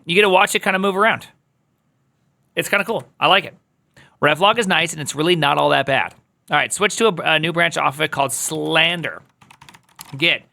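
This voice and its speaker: A man's voice: vocal fry, bright, forceful tone. A man leading a live coding walkthrough, talking through commands as he types and joking with his viewers. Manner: playful, joking asides to chat, jumps high when teasing. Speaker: coding instructor.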